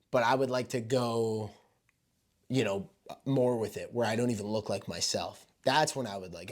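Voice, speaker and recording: A man with a mid-pitched voice chats casually through a Q&A as a video creator. He rambles with informal enthusiasm and swears freely. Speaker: video creator answering viewer questions. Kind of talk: casual Q&A chat.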